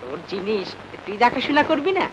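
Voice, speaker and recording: A fussy older brother. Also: male voice, high voice, very animated, brisk, highs cut off, noisy background. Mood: coaxing. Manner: scolding, coaxing.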